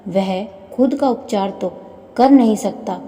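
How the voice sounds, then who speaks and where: A woman's voice: medium pitch, slow, close to an everyday voice. Woman voicing a taunting old mother-in-law. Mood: scolding. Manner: taunting, sharp-tongued. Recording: long hall reverb.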